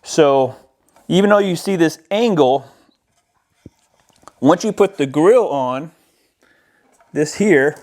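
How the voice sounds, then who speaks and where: This American man, an audio-video installer, does a casual product unboxing and demo inside a house by a window. His fairly high, darkish, expressive voice moves slowly with long pauses, and his informal explanations come out a bit hesitant.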